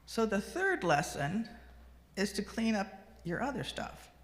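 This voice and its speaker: A woman's voice: mid-range voice, very animated, measured pace. A woman in her sixties, a lay speaker giving a personal reflection talk at a congregation, telling stories conversationally with frequent ums and restarts. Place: fellowship meeting hall. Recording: long hall reverb on a livestream.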